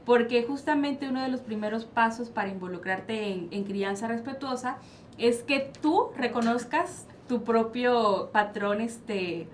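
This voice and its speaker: Mexican woman, psychologist guest, explains patiently, rhetorical questions, slightly high voice, faint hiss. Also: measured pace. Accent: Mexican Spanish. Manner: explanatory, asks and answers her own questions. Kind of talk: panel discussion. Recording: faint background noise.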